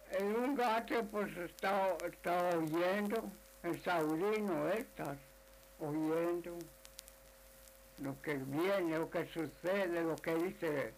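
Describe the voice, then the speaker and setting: A man telling a traditional folk tale, repeating his "he said" over and over. His gravelly voice sits a little high and moves at a slow, deliberate pace, with a faint hiss behind it. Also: rough recording. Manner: repetitive, full of "dice" and "le dijo". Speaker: storyteller.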